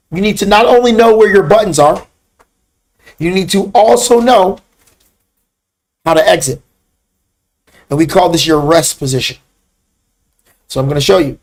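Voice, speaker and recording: A man with a fairly high voice leads a live-streamed trading lesson. He talks bluntly and scolds his viewers by name. When he wants a point to land, he slows down and leans hard on each word. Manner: blunt, scolding, calls out chat names. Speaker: trading class host.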